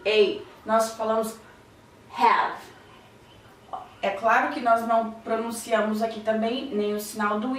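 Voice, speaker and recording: A woman teaching English vowel sounds, repeating each word slowly to drill the pronunciation. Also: fairly high pitch. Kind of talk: slow classroom-style vowel lesson. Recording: roomy echo, voice a bit far from the mic.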